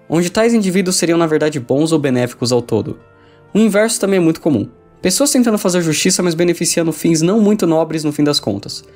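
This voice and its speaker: With background music underneath, a man with a Brazilian accent narrates a scripted review for a video essay. His voice is a little high and slightly mellow.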